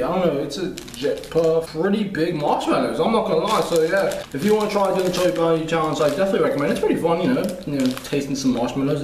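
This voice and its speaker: A man's voice: a little high, a little hiss or hum. A young man chatting casually to the camera as a vlogger. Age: young adult. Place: small apartment living room, indoors. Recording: roomy echo.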